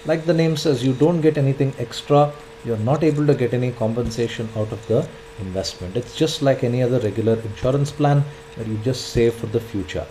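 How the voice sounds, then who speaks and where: A man's voice: fairly high pitch, dark tone, a little hiss or hum, poor audio. Man lecturing. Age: 20s. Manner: filler-heavy, repeats points, says "in fact" often. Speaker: instructor. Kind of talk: explanatory e-learning lecture.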